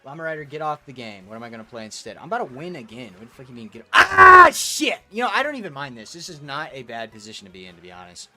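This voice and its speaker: A man's voice: mid-range voice, big pitch swings, rapid-fire, hardly any pauses, pushed and bright. Profane young male gaming streamer. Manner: crude, profane, reads chat aloud and jokes. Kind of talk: casual gaming stream chat.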